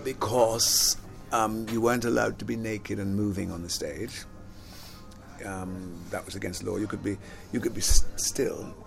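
Gravelly low-voiced older man, rambling. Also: steady tone, measured pace, music in the background. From Jamaica, grew up in London. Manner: rambling, repeats words, laughs often. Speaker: actor and singer, interview guest. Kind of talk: relaxed conversational interview.

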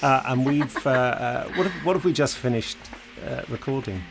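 A man's voice: mid-range voice, normal speed, creaky, music in the background. A man hosting a casual, teasing interview in a recording studio, often hesitating with fillers. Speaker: host and writer-director.

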